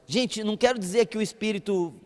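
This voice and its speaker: Animated preacher in a reverberant hall. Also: male voice, sits high, brisk. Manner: animated storytelling, acts out voices and laughs. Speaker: pastor. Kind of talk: sermon.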